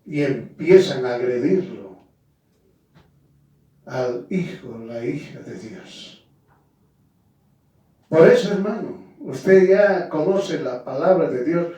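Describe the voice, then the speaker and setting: A man's voice: on the high side, slow pace, long pauses, dark tone, dull audio. A man preaching a sermon and speaking firmly, often addressing his listeners directly. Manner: addresses listeners as "hermano", firm emphatic preaching. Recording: very echoey, from far off the mic.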